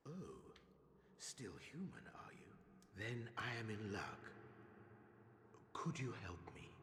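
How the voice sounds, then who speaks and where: An actor voicing a smooth, treacherous knight in a video game, courteous and soft-spoken with a sly villainous edge. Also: male voice, animated, slow, a little hiss or hum. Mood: silky, sly. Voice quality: low, soft-spoken and silky. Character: smooth treacherous male knight freed from a cage. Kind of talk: video game character dialogue. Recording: roomy game audio with long reverb.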